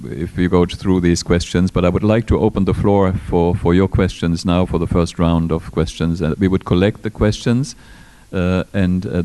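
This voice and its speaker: A man chairing a panel discussion and opening the floor for questions, speaking haltingly with many filler sounds. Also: low-pitched, dark tone.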